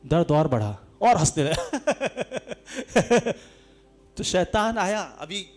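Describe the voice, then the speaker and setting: A man with a Hindi accent preaching a sermon as pastor, lively, shifting between shouts, laughter and quiet storytelling. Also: a little high, unhurried, soft background music.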